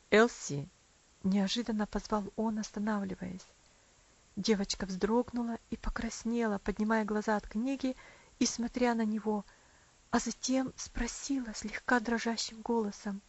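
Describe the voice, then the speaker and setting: A woman narrating an audiobook in a measured, expressive reading. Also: fairly high pitch. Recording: dry, slightly dull recording.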